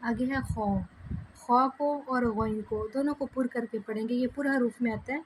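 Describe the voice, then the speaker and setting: A woman teaching a children's Quran reading lesson, slowly drawing out each syllable in drills between quick explanations. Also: a little high, noisy background. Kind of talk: step-by-step recitation lesson.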